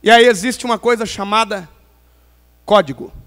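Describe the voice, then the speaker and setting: High-voiced preacher man in a reverberant hall. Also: normal speed. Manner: playful, swings from loud emphasis to quiet asides. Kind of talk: pentecostal sermon with humorous stories. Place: large church hall.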